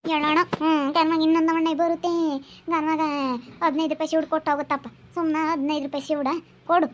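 A woman's voice: sits high, level tone, highs cut off, noisy background, close to an everyday voice. A woman playing a scolding village woman, haggling over vegetable prices. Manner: nagging, rapid-fire scolding. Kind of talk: comedy sketch acting.

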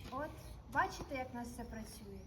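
A woman playing a teasing, brisk kvass seller in a historical stage performance. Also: on the high side, echoey room, slight background noise, natural voice. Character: sharp-tongued woman bringing kvass. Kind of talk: historical theatre acting. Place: outdoors at night.

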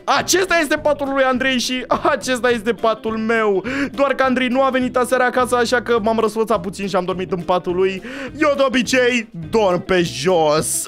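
Excitable high-voiced man gaming. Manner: excitable and jokey, often yelling. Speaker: gaming channel host. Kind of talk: Minecraft role-play vlog.

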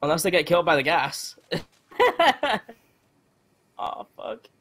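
This gamer's voice is a little high and a bit bright, moving slowly but with huge swings in pitch. He's a young man joking and swearing with a teammate in a multiplayer game, shrieking when it gets tense.

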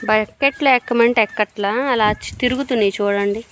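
A woman's voice: a little high, steady tone, fairly quick. A woman talks to her viewers in a chatty, easygoing way while walking around a farm. Her phone recording picks up plenty of outdoor noise, with birds and dogs in the background. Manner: chatty, addresses viewers directly. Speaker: vlogger. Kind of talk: casual vlog narration. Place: outdoors on a farm field by a well.

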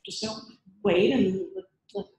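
At a meetup, a woman gives a presentation followed by questions, speaking at medium pitch and a measured pace. She's lively and chatty with self-deprecating jokes, and the room echoes.

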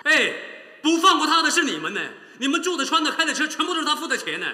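A combative widower in a TV drama, quick and sharp-tongued, with a high voice that swings widely as he spars with the doctors. The voice rings in an echoey hall with ambient noise. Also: big pitch swings. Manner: sarcastic, confrontational. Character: combative widower suspicious of the hospital.

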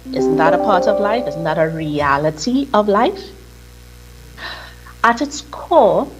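A middle-aged woman from Trinidad and Tobago, an insurance presenter with a Trinidadian accent, speaks over a video call in a somewhat low, husky voice. She deliberately slows herself down, keeping her delivery measured and careful. Her laptop call is played through speakers into a meeting room, and the recording quality is low.

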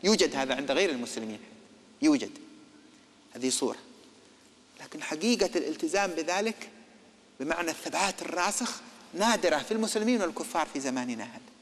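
A man delivers a religious lecture at a quick clip, his voice sitting high. He poses rhetorical questions and acts out little imagined exchanges. A long reverb trails behind his words. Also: lively intonation, fairly bright tone. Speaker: preacher.

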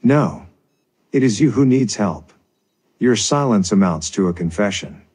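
A man's voice: on the low side, expressive, a little slow, a little mellow, breathy edge. A man voicing a stern, formal bailiff who speaks in a cold and threatening way. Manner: menacing, formal.

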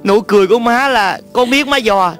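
A brash young swindler, comedy sketch, music behind. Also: male voice, very high voice, a little fast, a bit bright. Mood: melodramatic. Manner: brash, bickering, melodramatic. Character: scheming young male lottery swindler.

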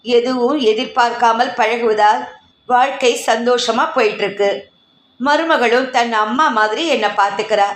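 A serene, wise grandmother speaks slowly and plainly about her life in a slightly high voice, as a woman reads her in a storybook tale. Her words come gently and unhurried. The sound rings in an echoey room. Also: natural voice. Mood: reflective. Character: older grandmother, calm and wise, cheerful.

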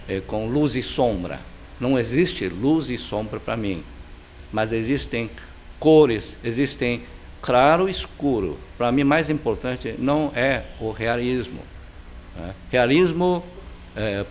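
A middle-aged man with a Chinese accent talks in an interview into a handheld mic, his voice at an ordinary middle pitch. He takes his time, filling pauses and restarting phrases. A faint hiss sits under the recording in his indoor studio. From China. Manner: unhurried, many fillers and restarts. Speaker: painter and architect interviewee. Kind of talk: interview answers. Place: home studio with paintings, indoors.

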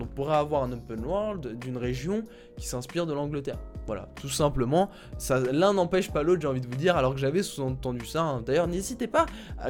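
A man's voice: fairly high pitch, a little mellow. A young man talking casually about video game rumors, rambling with many fillers and repeated words. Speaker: gaming YouTuber.

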